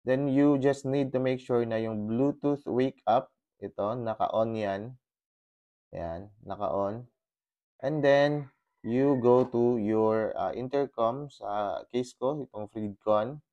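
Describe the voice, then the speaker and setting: A Filipino motovlogger with a mid-range voice speaks slowly into the intercom headset inside his helmet, the highs cut off. Outdoors on his motorcycle in a subdivision, he walks through pairing his gear step by step in a casual tutorial, mixing Tagalog and English with plenty of fillers.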